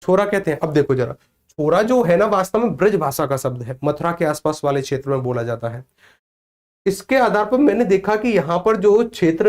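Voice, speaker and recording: A male teacher from northern India leads an exam coaching class in a slightly high voice. He asks the class a question, gives the answer himself, and drills the key point again and again. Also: darkish tone. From Vrindavan area, northern India. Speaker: Hindi teacher.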